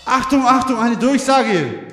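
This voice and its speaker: A man making a mock public announcement over a loudspeaker, calling out a countdown like an announcer. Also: extremely high pitch, animated, unhurried. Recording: echoey hall with loud rock music.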